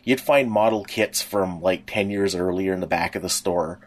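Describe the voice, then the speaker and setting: Speaking at a moderate pace in a low-pitched voice, a middle-aged man co-hosting a podcast drifts through casual memories. He's chatty and rambling, stringing together one anecdote after another.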